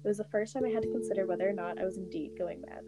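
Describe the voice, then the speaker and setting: A woman reading a horror story aloud and reacting with a friend, over soft guitar music. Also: mid-range voice, fairly even intonation, very fast. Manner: reads steadily, with fillers and laughs between passages. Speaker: story reader.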